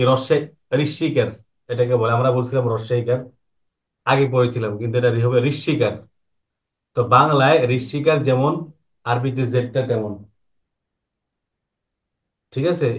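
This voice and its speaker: A man teaches an online Quran lesson. His pitch sits in an ordinary middle range. He poses questions and patiently answers them himself, going over each point slowly more than once. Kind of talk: online lesson explaining Arabic vowel marks.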